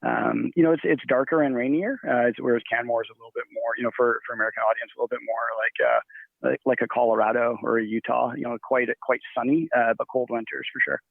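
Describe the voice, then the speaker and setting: A man's voice: medium pitch, fairly even intonation, fast, gravelly, no room sound. A man who grew up in Nigeria, answering interview questions casually with many fillers and restarts. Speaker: guest. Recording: tinny phone-like line.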